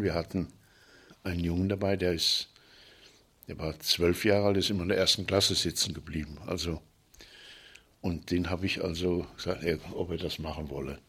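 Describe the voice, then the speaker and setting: An older man with a deep, husky voice tells stories from his past. He speaks slowly and thoughtfully, pausing, restarting sentences and searching for words along the way. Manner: reflective, halting storyteller with pauses and restarts. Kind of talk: recounting childhood memories.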